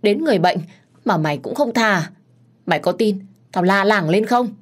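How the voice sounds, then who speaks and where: A woman voicing a pushy young daughter who shouts and scolds. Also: mid-range voice, moderate pace, voice pushed up, lightly acted. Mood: angry shouting.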